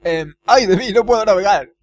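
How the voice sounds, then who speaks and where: A man's voice: sits high, fairly quick, voice pushed up, close to an everyday voice. A man voicing a weepy, self-pitying older male cook who laments theatrically. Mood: wailing.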